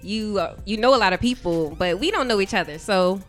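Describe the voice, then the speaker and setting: A woman's voice: mid-range voice, lively intonation, a little fast, faint music behind. A woman hosting a casual podcast interview, teasing her guests and laughing often. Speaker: podcast host.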